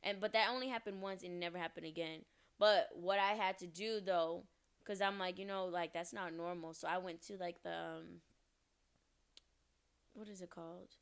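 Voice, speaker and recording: A woman's voice: lowish voice, fairly even intonation, moderate pace, gravelly, clean tone. A woman in her twenties, a podcast guest, telling a story casually and acting out the quoted lines.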